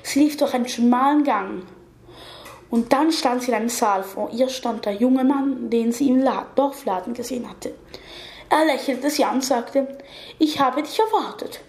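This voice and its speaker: A woman's voice: fairly high pitch, normal speed, gravelly, a little mellow. Woman reading a fantasy story aloud. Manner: small slips and self-corrections. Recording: echoey room.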